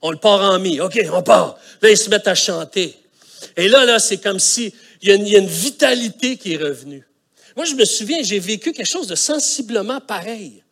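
A middle-aged man with a Quebec French accent preaches through a story. His voice sits high and swings widely. He talks colloquially and adds vocal sound effects. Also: lively intonation, brisk, a bit bright. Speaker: pastor. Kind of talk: storytelling sermon.

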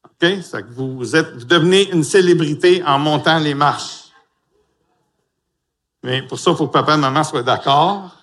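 A man's voice: on the high side, normal speed, a bit bright. A man with a Québécois French accent, a pastor giving a sermon and talking playfully and informally to the children. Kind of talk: sermon with a children's sing-along.

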